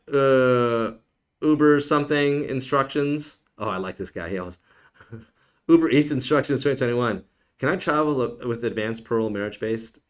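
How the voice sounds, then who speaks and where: An immigration attorney answers viewer questions on a live stream, keeping it casual and joking, teasing his viewers and saying "okay?" a lot. His voice is lowish and a bit bright.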